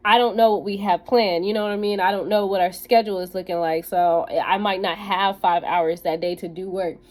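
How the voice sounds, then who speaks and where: A woman's voice: mid-range voice, darkish tone. A woman talking casually to her viewers in a rambling vlog, full of "like" and "um". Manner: rambling, filler-heavy talk with frequent "like" and "um". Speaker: bootcamp student vlogger.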